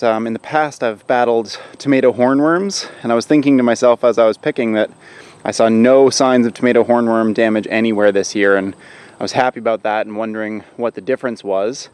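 Casual man vlogging from his garden. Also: medium pitch. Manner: relaxed, hesitant, self-correcting explanations. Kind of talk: casual outdoor vlog. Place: outdoor garden.

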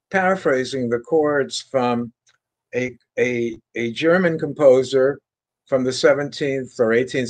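An older French guitarist, joining as a guest by video call from a room full of bookshelves, tells stories with a medium-pitched voice. He rambles in a relaxed way, often using fillers and restarting his sentences, in casual interview storytelling.

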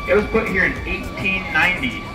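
A chatty man in his thirties gives a joking tour commentary on an open river boat, his fairly high voice coming through a speaker. It sounds roomy and a bit distant, with loud music behind. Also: very animated, a little fast. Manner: chatty, jokey, addresses riders as friends.

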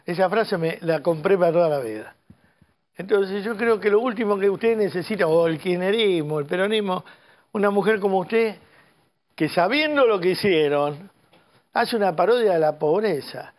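A man's voice: sits high, expressive, normal speed, darkish tone. An Argentine man with an Argentine Spanish accent, hosting a heated political editorial on TV, emphatic, swearing, and addressing the listener directly. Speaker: host, political commentator. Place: TV studio.

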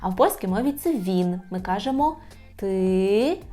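A woman teaching a language lesson, explaining patiently, often asking "right?" and repeating words slowly. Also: medium pitch, expressive, warm tone, faint music behind.

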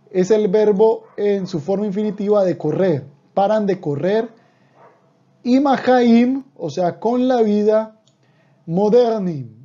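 A man teaching a language lesson, slowly repeating each word and patiently explaining it. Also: high voice, warm tone. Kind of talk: slow spoken language lesson. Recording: dull lo-fi sound.

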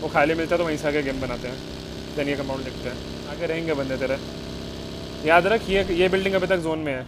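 A man with a high voice gives fast, repeated callouts to his squad in live voice chat. His words come quickly and urgently. Game noise is clearly heard behind him. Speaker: team leader in a shooter game.

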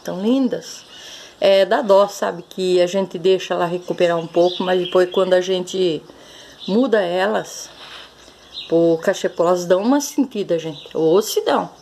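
A woman's voice: fairly low pitch, moderate pace, creaky, darkish tone, slight background noise. A woman vlogging casually as she shows her plants, chatty and affectionate, often calling out to her viewers. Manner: chatty, keeps addressing viewers as "gente", fond exclamations. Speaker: orchid-growing vlogger. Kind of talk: casual show-and-tell vlog.

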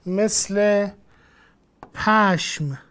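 A teacher speaks in a mid-range, slightly bright voice during a lesson. The explanation unfolds patiently step by step, with repetition and direct address to the student.

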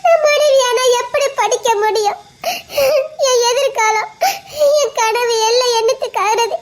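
A woman's voice: extremely high pitch, measured pace, a little hiss or hum. A woman with a Tirunelveli Tamil accent playing a young female college student who laments her lost future through tears. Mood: despairing. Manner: tearful, lamenting. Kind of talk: audio drama acting.

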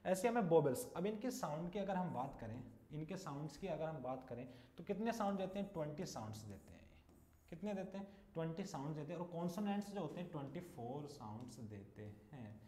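Guy teaching english basics, asks the class stuff and repeats it, slightly high voice, echoey room. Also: expressive, fairly quick, mellow, slight background noise. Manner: asks students questions and repeats the answers. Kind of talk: classroom English lesson in Hindi.

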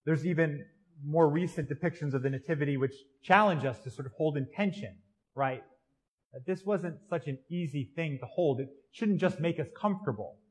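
Conversational male priest with a higher voice. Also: moderate pace, low-quality recording. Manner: conversational, often adds "right?". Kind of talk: sermon. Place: church.

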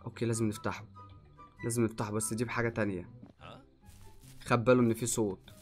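A young man with an Egyptian accent giving excitable let's play commentary, swinging from muttering to yelling. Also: medium pitch, fast, faint music behind. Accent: Egyptian Arabic. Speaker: gaming YouTuber.

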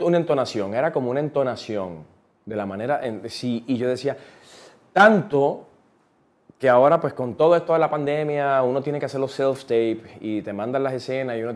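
A man's voice: medium pitch, darkish tone. A man with a Puerto Rican accent, an actor and interview guest, explaining things at length in a thoughtful manner. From Puerto Rico. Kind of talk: casual interview.

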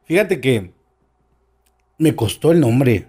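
Mexican man, podcast guest, storyteller, expressive tone shifts, stressed words, mid-pitched voice. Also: slow pace, slightly rough. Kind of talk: casual podcast conversation.

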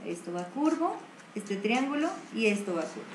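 A woman's voice: medium pitch, sing-song, moderate pace, reverberant, over music. A woman with a Colombian accent teaching a live online watercolor class, chatty and encouraging, full of diminutives. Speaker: painting teacher. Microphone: computer mic on a video stream.

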